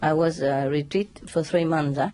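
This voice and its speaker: A woman's voice: sits low, normal speed. Laughing woman telling a story. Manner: laughs often, animated storytelling with sound imitations. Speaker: spiritual teacher. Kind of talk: casual spoken talk.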